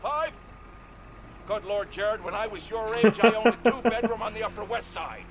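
A man's voice: high voice, moderate pace, crowd noise, natural voice. An actor playing a cranky, pompous older male talk show ranter in a video game, indignant and bombastic, over noisy game audio. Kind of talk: radio talk show rant.

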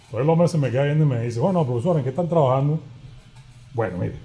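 Animated Venezuelan sports commentator. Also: male voice, mid-range voice, fast. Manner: animated anecdotes, acts out quoted voices. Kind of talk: casual storytelling.

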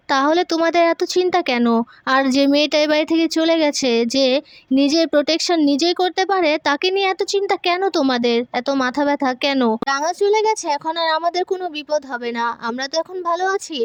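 A woman's voice: high voice, no echo, studio quality, lightly acted. Spiteful, scornful young woman in a family drama recap, a woman reading her. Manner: scornful, argumentative. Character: sharp-tongued young woman, spiteful and resentful.

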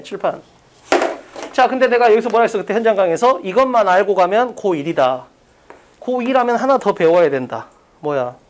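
A woman's voice: medium pitch, a little mellow. Woman, exam-prep English teacher, live classroom lecture, blunt, quizzing students nonstop. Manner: rapid rhetorical questions, drilling students; blunt, teasing, occasionally crude. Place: classroom with blackboard.

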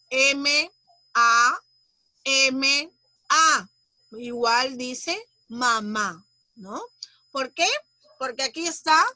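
High, bright-voiced patient schoolteacher. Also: female voice, no room sound. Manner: patient, slow, sounds out syllables; uses gentle diminutives. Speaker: primary school teacher. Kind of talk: online class for young children.

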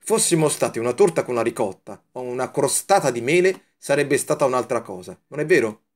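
A man reading a children's storybook aloud, voicing a calm, frank little male candy who talks gently and reassuringly. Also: mid-range voice, a little fast, natural voice. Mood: gentle.

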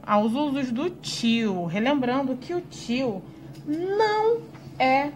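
A woman teaching a recorded lesson to young schoolchildren, slowing down to sound out each word clearly. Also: sits high, animated, darkish tone, slight background noise. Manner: slow, clearly spelled-out words for young pupils. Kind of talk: recorded video lesson for children.

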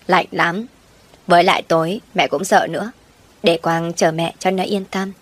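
Figure: a woman reading the lines of a scornful middle-aged stepmother who talks coldly and mockingly. She delivers her lines flatly in an audio story. Her voice is a little low. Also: normal speed, natural voice. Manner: cold and mocking.

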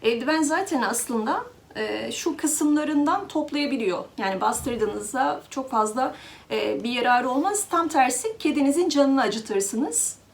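A woman's voice: high voice, animated, unhurried, creaky. A woman vlogger chatting casually to her viewers as she shows a pet grooming glove and talks to her cat. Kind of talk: casual product demo to viewers.

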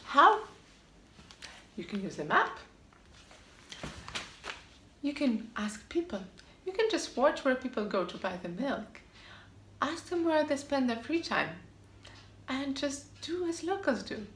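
A woman's voice: a little high, a little hiss or hum. Upbeat woman vlogger in an echoey room. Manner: upbeat, emphatic, repeats short punchy answers. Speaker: vlog host giving advice on living abroad. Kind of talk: scripted tips to camera. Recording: echoey room with faint ambience.

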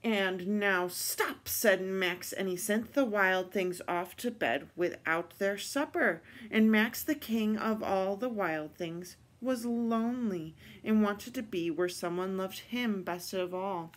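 A woman reading picture books aloud at storytime, in a slow, expressive, playful way. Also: mid-range voice. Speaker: storytime reader.

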